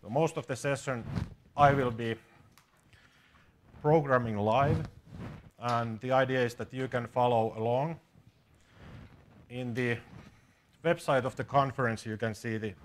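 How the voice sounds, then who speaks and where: In a small seminar room at a conference, before a seated audience, a programming instructor from Finland in his forties runs a live coding workshop in a casual, matter-of-fact way. He has a Finnish accent and a mid-range voice, with slight background noise.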